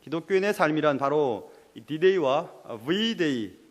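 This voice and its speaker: A man with a high-pitched voice delivers a sermon in a church sanctuary. He swings between impassioned, pleading prayer and quiet, hushed asides. A long hall reverb trails each phrase. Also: animated, slow pace. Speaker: pastor.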